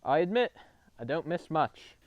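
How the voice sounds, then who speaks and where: A man playing a self-satisfied, easily needled gentleman collector in an amateur period drama. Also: a little high, very animated, moderate pace, no room sound, highs cut off. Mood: modestly smug.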